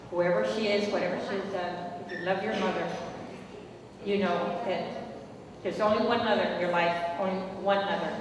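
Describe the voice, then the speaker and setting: An older woman speaks earnestly at a memorial dinner, often repeating a phrase to stress it. Her middle-pitched voice carries through a big hall with a long, rolling echo. She is heard from a distance over a clear layer of room noise. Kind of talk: heartfelt personal speech. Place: large banquet hall. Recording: echoey hall from far off, with noise.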